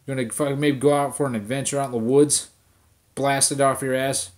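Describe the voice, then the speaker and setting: A man's voice: medium pitch, fairly even intonation, brisk. Stoned man ranting, heavy swearing. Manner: profane, rambling, addressing viewers directly. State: stoned, relaxed. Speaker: vlogger. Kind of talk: casual rant to camera.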